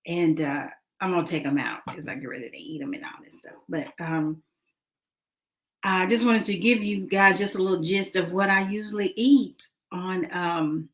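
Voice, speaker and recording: A woman's voice: lowish voice, normal speed. A woman vlogging casually, chatting with many fillers while she eats a snack. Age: adult, mother of a son. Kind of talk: casual eating and talking vlog.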